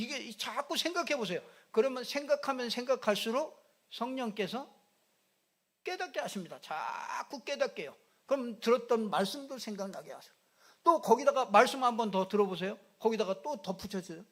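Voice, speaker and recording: A man's voice: high-pitched, lively intonation, fairly quick, a bit bright. A middle-aged male pastor preaching a sermon in a chatty, joking way, repeating little fillers as he goes. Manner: conversational and joking, repeats fillers, mimics regional speech. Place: church sanctuary.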